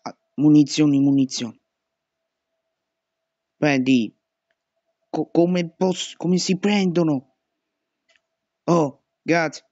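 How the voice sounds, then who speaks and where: A man's voice: on the high side, steady tone, takes it slowly, long pauses, no room sound, highs cut off. A young man commentating a horror game, panicking and swearing at every scare. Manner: panicky, swearing and shouting at jumpscares. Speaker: gaming youtuber.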